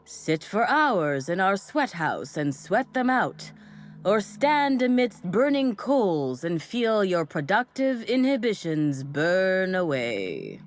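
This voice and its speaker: Weary, forced-cheerful cult aide. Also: female voice, sing-song, slow, soft background music. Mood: sales pitch. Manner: chipper sales pitch that sags into resignation. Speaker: voiced game character.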